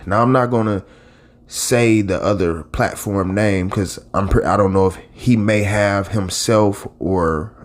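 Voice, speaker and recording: At a fairly low pitch and an unhurried pace, a late-30s man who hosts a YouTube channel speaks casually to camera. The talk runs long and loose, with frequent restarts and asides aimed at his audience.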